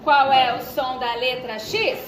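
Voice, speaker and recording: A woman leads a phonics lesson for children in a high, bright-pitched voice, repeating each letter sound over and over. She speaks slowly and patiently. The recording is echoey, with clear noise behind her. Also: fairly even intonation. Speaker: teacher. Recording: echoey room with background noise.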